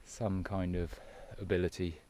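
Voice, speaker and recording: A man's voice: low voice, flat delivery, unhurried, noisy background. A man out of breath, chatting casually as he films himself hiking down a steep mountain trail outdoors. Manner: chatty, breathless, loose and informal. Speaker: hiking vlogger. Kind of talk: casual hiking vlog commentary.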